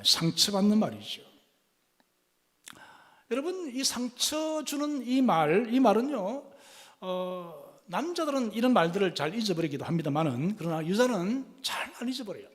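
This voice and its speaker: A man's voice: high-pitched, normal speed, big-room sound. A male pastor giving a sermon, asking the congregation questions and acting out quoted speech. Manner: animated preaching, asks the congregation questions and acts out quoted speech. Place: church sanctuary.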